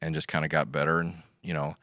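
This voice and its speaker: A man in his thirties, a musician guest on a podcast, telling stories in a relaxed way with wry understatement. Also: very deep voice, fast, dry recording, clean studio sound. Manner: relaxed storyteller, with wry understatement and lots of fillers. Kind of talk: casual podcast interview.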